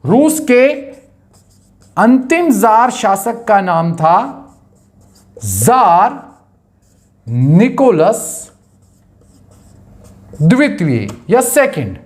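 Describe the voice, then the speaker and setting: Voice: medium pitch, big pitch swings, drawn-out words, long pauses. A teacher gives an exam-prep lecture, asking the class questions and answering them straight away. Key facts come back again and again so students will memorize them.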